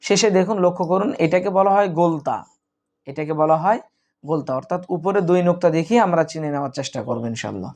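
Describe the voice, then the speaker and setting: A man teaching Quran reading, spelling out letters and repeating each syllable slowly in a calm, instructive way. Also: on the high side. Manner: calm instructive tone, addresses students as dear friends. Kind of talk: slow recitation lesson.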